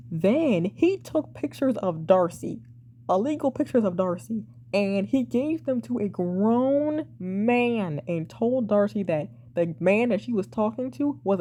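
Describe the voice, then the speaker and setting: A young woman reviewing a TV drama in a blunt, exasperated way, sighing and swearing, her voice a bit hoarse and cracking. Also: mid-range voice, dark tone. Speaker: TV show reviewer. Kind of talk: casual opinionated review.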